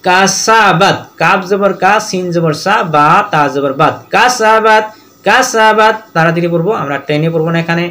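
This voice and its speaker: High-voiced man teaching Quran recitation. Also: flat delivery, sharp tone. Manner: spells out each letter and vowel mark, then recites verses slowly and drawn out. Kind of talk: step-by-step recitation lesson.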